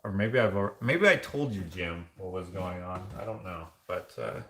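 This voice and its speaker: A man's voice: low voice, lively intonation, normal speed, fairly bright tone, roomy sound. A man hosting a casual live vlog, chatting loosely and rambling with many fillers and restarts as he reads viewer comments. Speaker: vlogger.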